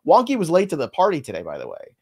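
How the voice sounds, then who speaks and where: A man's voice: a little high, huge pitch swings, fast, slightly rough. A man hosting a live fantasy baseball show, trading playful, upbeat banter and setting up segments. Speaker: host.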